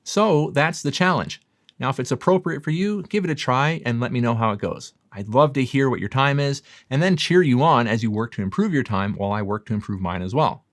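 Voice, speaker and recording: A man's voice: mid-range voice, animated, brisk, no room sound, studio quality. A man presenting as a fitness coach, giving a scripted explainer in an emphatic, upbeat, self-deprecating way. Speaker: fitness coach and video host.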